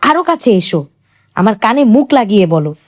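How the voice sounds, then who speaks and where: A woman's voice: mid-range voice, very animated, moderate pace. A woman voicing a sick, half-deaf young husband who petulantly keeps repeating his demands. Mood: frustrated, pleading.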